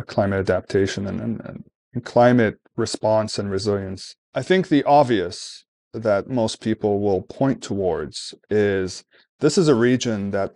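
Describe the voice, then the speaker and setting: A man from Sudan, a think-tank program director, answering interview questions in a measured, thoughtful way with frequent pauses and restarts. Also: on the low side, warm tone, dry recording. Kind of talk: conversational interview.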